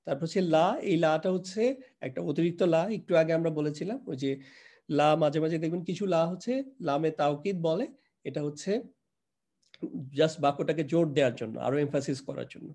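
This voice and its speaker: A man's voice: a little high, brisk, warm tone. A man teaching Quranic Arabic grammar in a live online class. He explains each example patiently, step by step, mixes in English terms, and quizzes his students by repeating their answers back to them.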